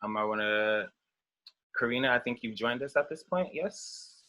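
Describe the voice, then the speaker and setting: A webinar host on a video call, relaxed and informal. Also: medium pitch, moderate pace, poor audio. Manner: relaxed, informal, laid-back. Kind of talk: casual video call chat.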